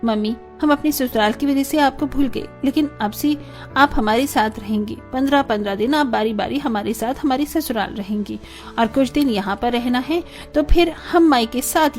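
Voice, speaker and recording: A woman voicing a group of emotional young married daughters in an animated story, pleading and tearful by turns. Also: a little high, close to an everyday voice.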